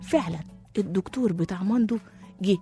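A woman with an Egyptian accent narrating a children's story, lively and talking to young listeners. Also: medium pitch, fast, soft background music. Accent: Egyptian Arabic.

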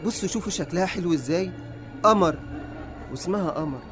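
An Egyptian-accented actor playing an unhinged, childlike killer who makes dolls. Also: male voice, high voice, animated, fast, music in the background. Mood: creepy dreamy. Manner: creepy, dreamy, turns childlike. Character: unhinged male doll-making killer, childish, creepy.

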